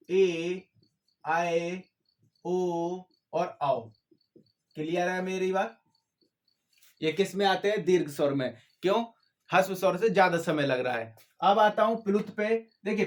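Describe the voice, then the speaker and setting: A man teaching grammar in a lecture style. He asks his own questions and answers them, repeats the key terms, and stretches out sounds to show how long a vowel lasts. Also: high-pitched. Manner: drawn-out syllables to demonstrate vowel length.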